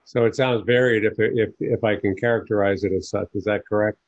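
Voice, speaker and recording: Male podcast host from New York, lowish voice, polished intros, interview questions. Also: fairly even intonation, fairly quick, lo-fi sound. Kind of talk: interview hosting.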